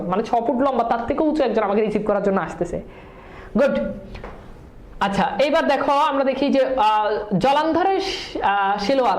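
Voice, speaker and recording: A high-pitched woman teacher, recorded in an echoey room, quizzes students during an exam-prep lesson. Her questions and answers come quickly, and she works English words into what she says.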